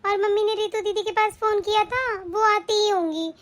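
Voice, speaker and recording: A woman voicing a young new mother in an animated family story, polite, earnest and respectful. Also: very high-pitched, fairly quick. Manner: earnest, respectful, talks at length.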